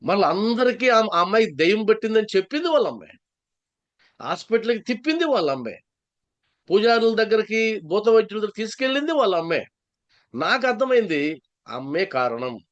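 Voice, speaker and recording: A spiritual speaker and psychologist from Andhra Pradesh tells a story during a satsang talk, repeating key phrases for emphasis. His high-pitched voice swings widely in pitch and moves fairly quickly, though the recording is muffled.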